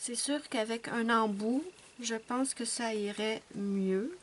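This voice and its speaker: A woman's voice: on the high side, takes it slowly, a little hiss or hum. A woman, chatting at home as she tests art supplies, thinking aloud to her viewers with many fillers. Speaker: art channel host. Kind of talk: casual chat while swatching art supplies. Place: at home with her cat nearby.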